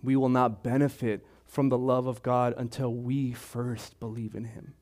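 Slow-preaching man. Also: mid-range voice, level tone, a little mellow. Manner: slow, deliberate preaching with repetitions. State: throat clearing, choked up. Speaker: pastor. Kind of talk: sermon.

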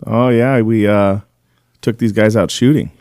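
A man's voice: lowish voice, fairly even intonation, unhurried, darkish tone, no echo, clean studio sound. A man who is a company general manager, chatting as a guest on a podcast in an easygoing way with short replies. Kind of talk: casual chat.

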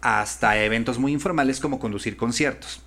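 A man's voice: mid-range voice, fairly quick, a bit bright, a little hiss or hum. A man, a voice-over artist and voice coach, chatting thoughtfully and restarting often as he searches for words. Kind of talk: casual conversation.

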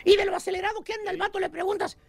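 A man's voice: very high-pitched, steady tone, rapid-fire, gravelly, no room sound. A man hosting a radio comedy show, teasing his co-hosts and telling mocking stories full of slang. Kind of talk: comic radio banter.

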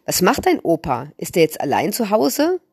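A woman's voice: on the low side, huge pitch swings, moderate pace, breathy edge, dry recording, studio quality, heavily acted. A woman voicing a sulky, puzzled schoolboy in a read-aloud storybook. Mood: grumbly, puzzled. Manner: sulky and wondering.

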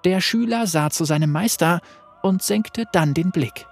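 A narrator reading a dark fantasy story aloud in a measured, dramatic way. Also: mid-range voice, creaky, faint music behind.

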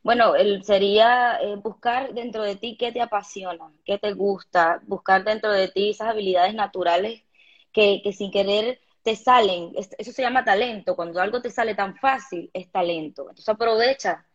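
A Venezuelan woman, a home manicurist, chatting as a guest in an interview in a lively, practical and self-assured way. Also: mid-range voice, normal speed. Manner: lively, practical, sure of herself. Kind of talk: casual interview chat. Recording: dull lo-fi sound.

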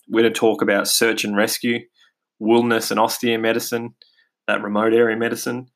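A middle-aged Australian podcast host rambles eagerly and casually through a monologue, restarting often and using plenty of fillers. His voice is mid-range and a bit bright. He's on a basic home podcast mic.

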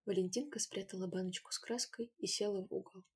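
A woman narrating a storybook with an expressive reading that gives each character its own voice. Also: medium pitch, quick pace, husky. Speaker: audiobook narrator.

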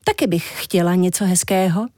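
A woman reading a children's story, voicing a vain, chatty young woman with a high, flighty voice. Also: dark tone, no echo, studio quality, natural voice.

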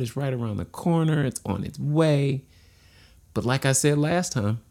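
A man's voice: lowish voice, a little mellow. A man giving a motivational monologue, asking rhetorical questions and repeating key phrases in a preachy way. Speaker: motivational speaker.

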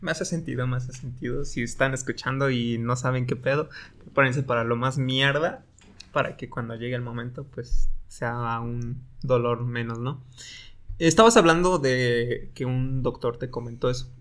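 A man's voice: mid-range voice, steady tone, moderate pace, a bit bright. A man with a Mexican accent hosting a casual podcast, talking in loose slang and egging on his guest. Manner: loose, slangy, laughs along. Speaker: podcast host.

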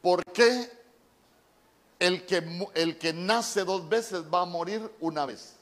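A male pastor preaching a sermon, slow and deliberate, repeating key words as he teaches from the Bible. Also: high voice, a bit bright. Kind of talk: sermon with Bible word study.

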